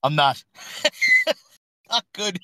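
A man's voice: high voice, expressive, drawn-out words, bright, forceful tone, no echo. A man co-hosting a casual podcast, joking and swearing while talking in a car. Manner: joking, profane banter. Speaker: podcast co-host. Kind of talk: casual chat.

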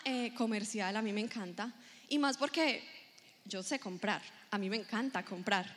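Woman, 30s, motivational speaker; animated storyteller who acts out dialogue, slightly high voice, long hall reverb. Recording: reverberant hall, faint ambience.

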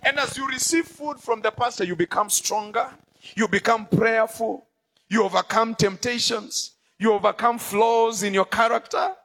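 A man preaching a fervent sermon as bishop, calling on the congregation to respond and often shouting his points. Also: high voice, vocal fry.

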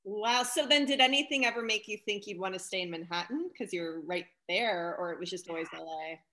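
A woman's voice: medium pitch, brisk, bright, forceful tone. A woman co-hosting a podcast, asking eager, playful questions in casual chat. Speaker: podcast co-host.

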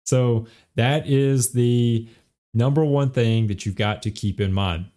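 The voice here is mid-range and dark, and the young man speaks slowly as he hosts a finance podcast. He breaks down retirement accounts step by step, repeating the important parts and asking "okay?" or "right?" along the way.

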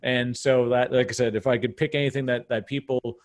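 A man's voice: mid-range voice, level tone, brisk. A man with a Canadian accent hosting a podcast, talking animatedly with lots of restarts and emphatic asides. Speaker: podcast host. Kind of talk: casual podcast conversation.

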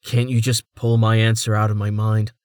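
A man voicing an exhausted, defeated young man who answers flatly and dejectedly in an audiobook. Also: lowish voice, normal speed, clean tone, dry recording, studio quality, close to an everyday voice. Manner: flat, dejected delivery. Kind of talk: audiobook character voice.

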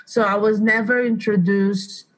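Speaking a little slowly in a steady, medium-pitched voice, a woman in her thirties from Brazil describes her life as a radio interview guest. She owns an art studio and speaks English with a Brazilian Portuguese accent, and her storytelling is earnest and heartfelt with frequent restarts. The audio is poor.

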